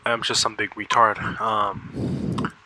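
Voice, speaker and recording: A man's voice: on the low side, sing-song, gravelly. Guy rambling into a desk mic, lots of ums and restarts, faint hiss behind. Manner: halting, many fillers and restarts. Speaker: YouTuber. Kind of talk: casual rambling commentary. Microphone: close desk mic.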